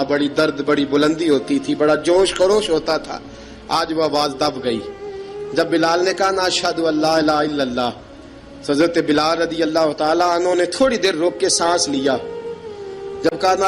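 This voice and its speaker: A man preaching a sermon, telling a story dramatically and rising to an emotional pitch when he quotes speech.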